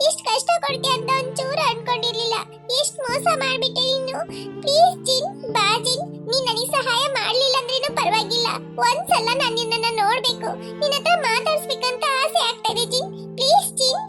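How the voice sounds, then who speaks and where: A woman's voice: extremely high pitch, a little fast. A woman voicing a small, tender-hearted cartoon youngster who pleads and chants spells to call a jinn. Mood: pleading. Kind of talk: cartoon voice acting. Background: children's music.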